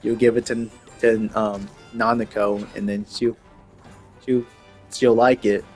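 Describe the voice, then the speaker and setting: Low-ish guy rambling about games, lots of ums, soft music in back. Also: little pitch movement. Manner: halting, many restarts and ums. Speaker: gaming video creator. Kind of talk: casual rambling commentary.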